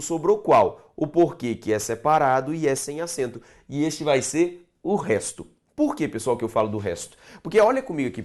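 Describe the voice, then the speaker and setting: A man teaching Portuguese grammar in a video lesson for exam candidates. He writes on a board as he goes, asks the class rhetorical questions and stretches key words out slowly. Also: medium pitch, a little mellow.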